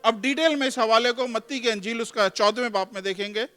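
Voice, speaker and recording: Male pastor, high bright voice, sermon and scripture reading, reverberant hall, faint music underneath. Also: clean tone. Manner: explains terms, mixes in English words. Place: church hall.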